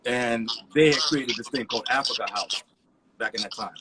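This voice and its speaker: Over a video call, a resident DJ guest rambles through stories in a casual interview, laid-back and leaning heavily on "you know." His voice is mid-range at a normal speed, with a noisy background behind him.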